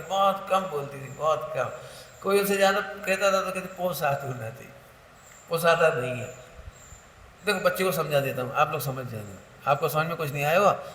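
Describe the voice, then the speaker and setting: A man's voice: on the high side, pushed and bright. A man preaching a sermon, playful and laughing, quizzing listeners by name. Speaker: Jain preacher leading a workshop. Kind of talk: sermon with audience questions. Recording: echoey hall with faint noise.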